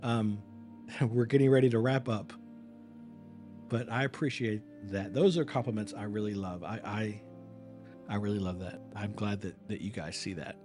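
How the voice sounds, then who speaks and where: With a lowish, slightly mellow voice and fairly even intonation, the man speaks at a normal speed over faint music. He works as an acting and performance coach and is chatting casually with his live-stream audience. Tiredness shows as his voice wears thin and he earnestly rambles, restarting words.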